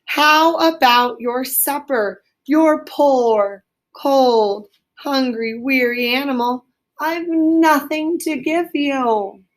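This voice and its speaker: A woman's voice: sits high, voice pushed up. Woman voicing Mole, a gloomy little storybook animal. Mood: moaning apology.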